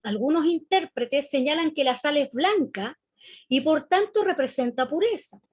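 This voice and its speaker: A woman's voice: high-pitched, animated, normal speed, dry recording. A woman with a Chilean accent preaching a sermon in a conversational way, often asking the congregation questions. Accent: Chilean Spanish.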